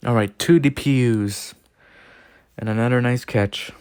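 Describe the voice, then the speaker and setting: A man's voice: medium pitch, measured pace, heavy background noise. A man hosting a reaction video, chatting casually and laughing often between comments. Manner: chuckles often, loose and joking. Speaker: host of a railfan video reaction channel.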